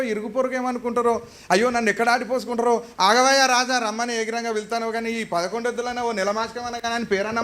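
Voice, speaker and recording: High-voiced preacher. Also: male voice. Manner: animated storytelling, asks the congregation questions. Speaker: pastor. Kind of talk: sermon.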